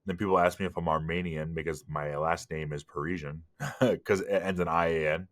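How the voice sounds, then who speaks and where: Very deep-voiced man, laid-back podcast chat. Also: fairly even intonation, brisk, a bit bright, dry recording, studio quality. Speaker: podcast co-host. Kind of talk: casual chat.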